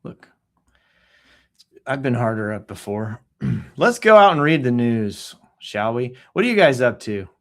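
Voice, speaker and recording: A man hosting a casual news read-through, joking around, clearing his throat often and making sound-effect noises between stories. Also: medium pitch, big pitch swings, a little slow, pauses often, a bit bright. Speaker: host reading the news.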